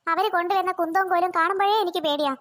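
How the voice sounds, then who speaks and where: A woman's voice: very high voice, steady tone, very fast, fairly bright tone, no room sound. A woman voicing a fussy, stubborn old woman with a toothache in a cartoon. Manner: whiny, moaning, stubborn. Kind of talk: cartoon voice acting.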